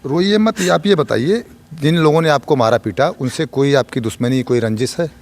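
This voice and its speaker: A man working as a local news reporter, asking brisk, probing questions in a field interview. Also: mid-range voice. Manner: brisk, probing, with steady murmured acknowledgments.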